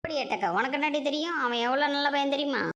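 A woman's voice: high-pitched, very fast, fairly bright tone. A woman playing a bossy, quarrelsome grandmother who scolds the family in a comedy skit. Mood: scolding.

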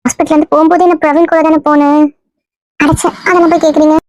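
Man putting on a coy high young woman. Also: level tone, rapid-fire, darkish tone. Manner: coy, teasing, feigning innocence. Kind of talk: comedy skit role-play.

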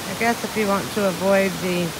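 A woman's voice: medium pitch, fairly even intonation, background noise. A woman chatting casually as she films a walking tour of a forest trail, pointing out the sights and exclaiming at the scenery, recorded on a handheld phone. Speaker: travel vlogger. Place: forest trail by a waterfall, outdoors. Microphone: handheld phone camera. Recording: loud rushing water over the voice.

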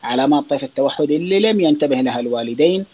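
A man with a Saudi accent, a child psychiatrist, talks quickly through listener questions in a loose, explanatory way, full of fillers and restarts. His voice sits a little high for a man. The sound is dull and lo-fi, like a voice streamed through an online audio room. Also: animated, husky. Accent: Saudi Arabic. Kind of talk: casual spoken Q&A on an online audio space.

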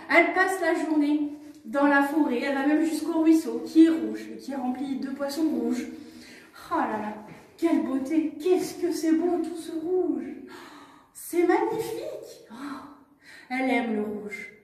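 A woman storyteller telling a children's story with animated exclamations. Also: high-pitched, unhurried. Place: museum. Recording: echoey room from far off.

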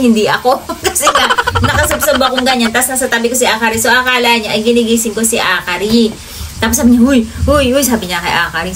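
A woman's voice: mid-range voice, a bit bright, a little hiss or hum, low-quality recording. A woman telling a personal story to her viewers in a casual vlog, often calling them guys. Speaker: vlogger.

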